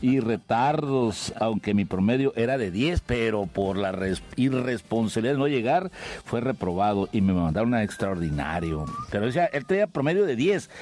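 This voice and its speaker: Man, morning radio host, lively up-and-down delivery, casual banter. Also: lowish voice, moderate pace. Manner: chatty, reads listener messages aloud.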